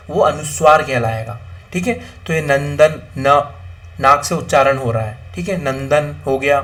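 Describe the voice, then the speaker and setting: A man's voice: on the high side, a bit bright. Man teaching, repeating his own questions. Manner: repetitive, asks and answers his own questions; mixes English words into Hindi. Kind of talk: exam-prep lesson on Hindi grammar.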